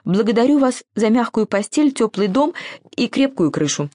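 A woman voicing a timid, frightened little male hedgehog who answers in hurried, overly polite phrases. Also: a little high, very animated, mellow, no echo, clean studio sound, pitched above the performer's own voice.

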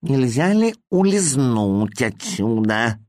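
Мужчина озвучивает серьёзного ворчливого кота-домашнего любимца, который говорит неторопливо, с недовольными нотками. Голос ниже обычного для чтеца, запись сухая, без эха. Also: male voice, medium pitch, big pitch swings, a little mellow, no echo. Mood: grumbling. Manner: grave, grumbling, slow. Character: grumpy serious male tomcat, the boy's pet.

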